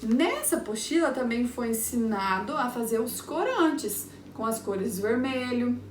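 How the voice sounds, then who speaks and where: Slow Brazilian woman teacher, echoey room. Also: a little high, lively intonation. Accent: Brazilian Portuguese. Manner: slow, sounding out words syllable by syllable. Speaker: primary school teacher. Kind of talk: remote lesson review for young children. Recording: echoey room, far from the mic, faint background hum.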